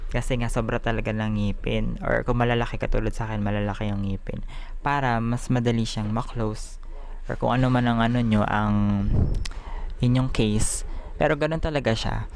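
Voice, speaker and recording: A Filipino vlogger chatting casually in Taglish, giggly and animated, talking with missing front teeth. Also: mid-range voice, slight background noise. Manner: talks with missing front teeth after an extraction; Taglish, mixing English phrases into Tagalog. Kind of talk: casual chatty daily vlog.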